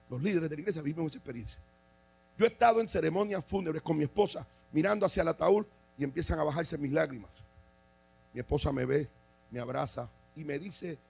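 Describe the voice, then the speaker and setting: A man preaching a sermon as a bishop, passionate, moving from hushed storytelling to shouted declarations. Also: on the high side, creaky, husky, poor audio. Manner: impassioned, swings from quiet to shouting. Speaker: bishop and pastor.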